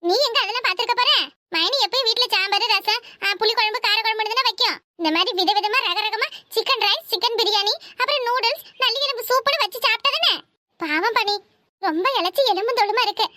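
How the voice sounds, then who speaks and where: A woman's very high-pitched, sharp voice, free of room sound, brings to life a scheming, bossy young married woman in a cartoon. She speaks with a Kanyakumari Tamil accent, scolding and bossing people around in fast chatter.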